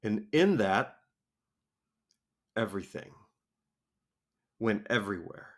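Wheezy, lowish-voiced man chatting casually. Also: lively intonation, takes it slowly. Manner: self-deprecating, laughs often. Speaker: podcast co-host. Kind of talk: casual comic chat.

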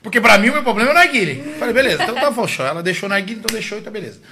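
A man's voice: sits high, sing-song, racing, crowd noise. A man, a podcast guest telling a story in casual chat and laughing as he acts out the voices of the people in it. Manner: laughing, acting out quoted dialogue.

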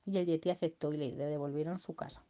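A woman's voice: sits low, fairly even intonation, quick pace, mellow. A woman making up a bedtime story for a child, playful, with sung bits and sound effects. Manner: playful, sings silly songs and sound effects.

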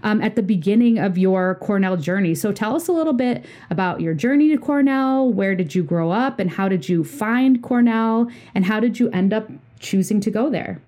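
Mellow-voiced woman podcast host. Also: medium pitch, animated, moderate pace, hardly any pauses. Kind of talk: podcast interview hosting.

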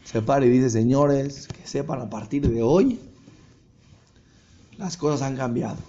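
A man's voice: medium pitch, unhurried, lo-fi sound, a little hiss or hum. A man, a rabbi giving a sermon and acting out the voices of a story. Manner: animated storyteller acting out dialogue.

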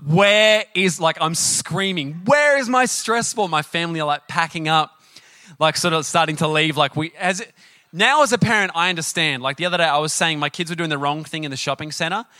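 A middle-aged man preaching a sermon, telling personal stories in a chatty, animated way and often asking the audience questions. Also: a little high, brisk, no room sound. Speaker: pastor.

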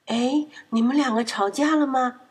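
A kindly mother from a children's storybook, voiced by the narrating woman. She speaks gently and with a bit of surprise, in a husky, breathy tone pitched somewhat above the narration. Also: normal speed. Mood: motherly.

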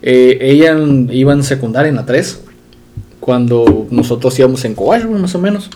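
A man's voice: medium pitch, expressive, moderate pace, background noise. A man with a Mexican Spanish accent hosting a casual podcast, speaking in slangy chat. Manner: slangy, says güey constantly. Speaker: podcast host.

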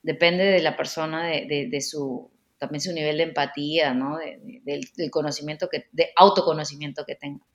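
A woman's voice: sits low, fairly even intonation, normal speed, hardly any pauses, reverberant. A woman giving relationship advice in a casual, explanatory way, often repeating words as she thinks.

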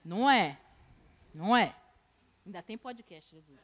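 A woman with a Brazilian accent delivers a colloquial sermon at a church service, chatty and teasing, her mid-range voice swinging between loud and hushed. She sounds animated and speaks a little slowly.

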